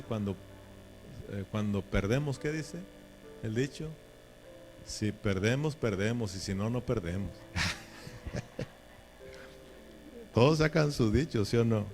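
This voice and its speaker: A man's voice: on the low side, animated, slow pace, long pauses, a little mellow, slight background noise. A man preaching a sermon in a folksy, joking way, often checking in with his listeners. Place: church.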